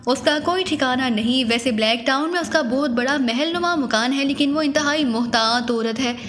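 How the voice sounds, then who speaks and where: A woman's voice: high-pitched, moderate pace, a bit bright. A woman voicing a frightened, wounded captive woman spy in an audiobook story. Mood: confessing. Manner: pleading, fearful. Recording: long hall reverb.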